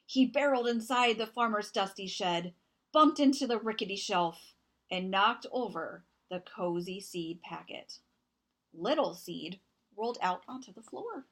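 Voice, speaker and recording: A woman storyteller reads a children's picture book aloud, her narration expressive and deliberate with dramatic emphasis. Her voice sits at a medium pitch.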